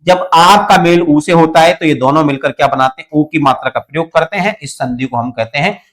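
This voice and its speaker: A man's voice: a little high, fairly quick. A young man teaching a Hindi grammar lesson for exam students, explaining step by step, repeating key points and asking his students questions. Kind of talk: online exam-prep lesson.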